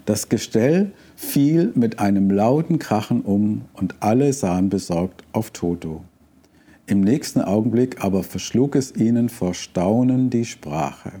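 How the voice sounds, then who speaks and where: A male preacher gives a calm, reflective sermon and reads a story aloud. His voice is low, very dark and mellow, and husky, and he speaks slowly.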